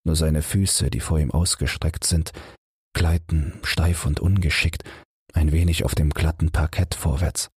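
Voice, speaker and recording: A man reading a literary story aloud as a calm bedtime audiobook, with measured, gentle storytelling close to the mic. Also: extremely low pitch, husky, no echo. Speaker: audiobook narrator.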